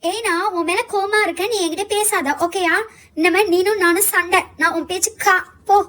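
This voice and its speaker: A woman's voice: extremely high pitch, steady tone, moderate pace, fairly bright tone. A woman voicing Fouziya, a stubborn, boastful schoolgirl in a doll show, speaking. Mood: sulky. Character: bossy sulking schoolgirl Fouziya. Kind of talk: doll show role-play.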